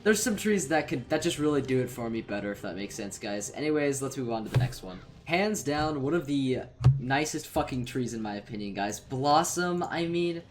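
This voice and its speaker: Man, casual gaming commentary, rambling with lots of fillers, playful and profane, mid-pitched voice, faint music behind. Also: expressive, normal speed. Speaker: gaming YouTuber.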